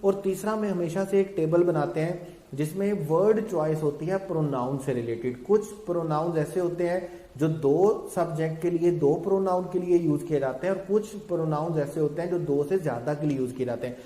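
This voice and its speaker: Male lecturer, mellow tone, patient question-and-answer teaching, roomy echo. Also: on the high side, normal speed. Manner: explains in a mix of Urdu-Hindi and English terms, asks and answers his own questions; addresses students as children. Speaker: English grammar teacher. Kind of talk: recorded classroom lecture.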